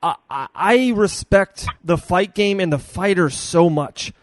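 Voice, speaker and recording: A man's voice: high voice, measured pace, dry recording, studio quality. A man hosting a podcast in casual sports talk, speaking emphatically and repeating words for stress. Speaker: podcast host.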